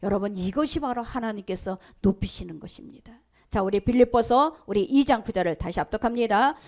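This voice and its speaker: A woman's voice: mid-range voice, fairly quick, a little mellow. A woman pastor preaching a sermon, emphatic and conversational, sometimes dropping to a whisper. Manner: repetitive, conversational storytelling. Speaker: senior pastor. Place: church sanctuary.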